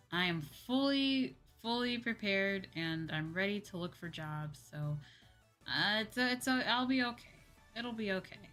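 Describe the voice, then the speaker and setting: With music in the background, this VTuber livestreamer from the Midwestern United States has a medium-pitched, bright, forceful voice and an American accent. She talks casually, responding to viewers' comments and repeating phrases to stress them.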